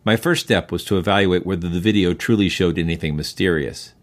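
An American man hosting a science show, narrating from a script in a curious, measured, explanatory way. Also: low-pitched. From US East Coast. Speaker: host of a science podcast.

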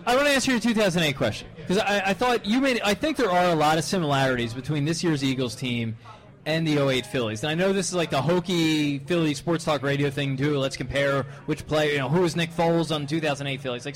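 A man's voice: a little high, poor audio. A man hosting a casual sports discussion, making his points in a loose, conversational way. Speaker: sports podcast host.

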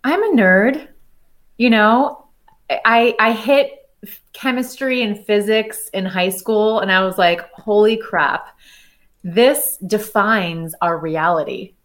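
A woman's voice: mid-range voice, slow pace, a bit bright. A woman from the United States, a physician and startup founder, speaking enthusiastically as a podcast interview guest. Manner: enthusiastic, chatty.

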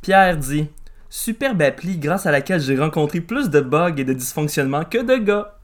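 Low, lively contestant. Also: female voice. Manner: quick reactions, lively teasing. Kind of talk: comedy game banter.

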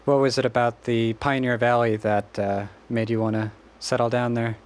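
Guy from western mass hosting a podcast, easygoing curious questions, mid pitch. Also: little pitch movement, moderate pace. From Western Massachusetts. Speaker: podcast host. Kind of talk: casual interview.

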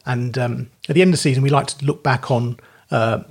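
A man's voice: mid-range voice, a little fast, vocal fry, slightly rough. A man co-hosting a podcast, chatting and joking with fillers. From England. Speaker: podcast co-host. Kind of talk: casual chat.

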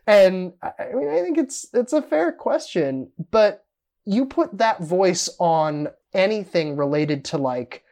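A woman's voice: medium pitch, animated, slow pace, mellow. A woman on a film podcast, talking analytically about roles and scenes.

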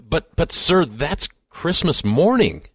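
A man's voice: fairly high pitch, big pitch swings, slow, fairly bright tone, slightly rough, dry recording, exaggerated voice. A man playing a meek, anxious employee in an audio drama, hesitant and deferential, stammering as he talks. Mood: nervous, apologetic. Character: meek, anxious, put-upon male employee and father.

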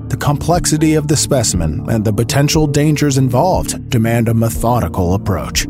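A detached male researcher, played by an actor narrates a classified report. He is measured and formal, at a middling pitch, with clear music underneath. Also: natural voice. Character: clinical secret-agency researcher reading a report. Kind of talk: scripted narration of a fictional report.

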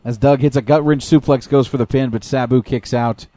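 A man's voice: medium pitch, steady tone, fairly quick, dark tone, no room sound. Man calling wrestling with a dry, close sound. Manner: informal, critical, narrates action move by move. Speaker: host calling the matches as play-by-play commentator. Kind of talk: live wrestling commentary, conversational.

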